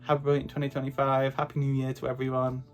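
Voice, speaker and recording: A young man with a slightly raspy voice, chatting casually and rambling to camera as a book vlogger. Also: medium pitch, completely flat delivery, quick pace, faint music behind. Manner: chatty, rambling, self-deprecating.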